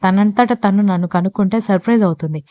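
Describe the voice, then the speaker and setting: A woman's voice: medium pitch, quick pace, dark tone, dry recording, lo-fi sound, natural voice. A woman voicing a playful, bossy young man in love in a storybook reading. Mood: teasing. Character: young man, teasing and scheming lover.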